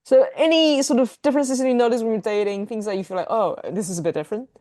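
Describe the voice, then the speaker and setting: A woman's voice: a little high, dark tone. A woman hosting a casual podcast chat, asking curious questions and laughing easily. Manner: curious, quick to laugh and affirm. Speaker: podcast host.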